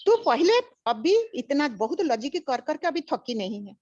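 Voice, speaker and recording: A woman's voice: sits high, animated, moderate pace, a little mellow, no echo. An older woman giving a spiritual teaching, emphatic and repetitive, mixing English phrases into her talk. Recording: dull lo-fi recording.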